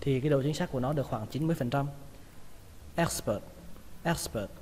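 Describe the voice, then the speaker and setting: A man with a Vietnamese accent teaching English vocabulary, repeating each word slowly several times to model its pronunciation. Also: mid-range voice, steady tone, warm tone, long reverb tail, slight background noise. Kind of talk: pronunciation lesson.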